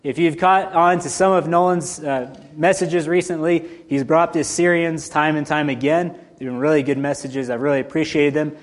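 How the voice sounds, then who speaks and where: Southern-accented man preaching, slightly high voice. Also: fairly even intonation, moderate pace, hardly any pauses. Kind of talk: informal teaching sermon.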